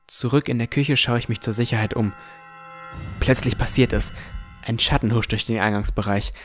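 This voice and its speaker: A young armored swordsman, puzzled but determined, is played by an actor with a medium-pitched voice and a lightly acted style. He narrates the fantasy audio drama in a measured, introspective manner while music plays underneath.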